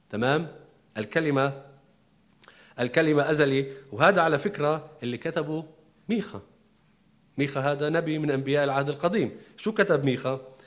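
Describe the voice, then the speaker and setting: A man preaching a sermon, explaining emphatically with pauses and restarts. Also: on the high side.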